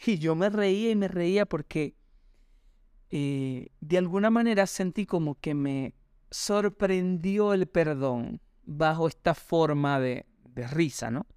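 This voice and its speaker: Man telling a reflective story, smooth voice. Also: fairly high pitch, takes it slowly, darkish tone, no room sound, clean studio sound. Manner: reflective, rambling anecdotal storytelling, addresses listeners directly. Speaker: podcast host. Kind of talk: personal storytelling podcast monologue.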